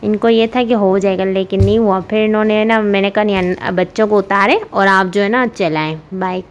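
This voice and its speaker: A woman's voice: mid-range voice, steady tone, moderate pace, soft background music. A young woman narrating her family vlog in a chatty voice-over, rambling with many fillers and giggling often. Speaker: family vlogger, mother.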